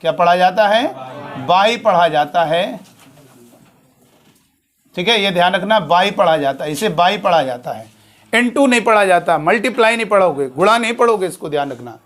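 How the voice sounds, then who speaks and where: A man's voice: high voice, animated, brisk, a bit bright. A man teaching a maths class as a lecture, repeating key points and calling his students "beta". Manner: tells student anecdotes, acting out dialogue.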